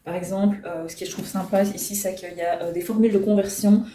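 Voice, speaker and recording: A woman's voice: mid-range voice, steady tone, fast talker, dark tone, a little hiss or hum. Chatty woman vlogging in a roomy space. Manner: chatty, self-mocking, many hesitations. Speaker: book vlogger. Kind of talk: casual chat to camera. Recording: roomy and a bit distant.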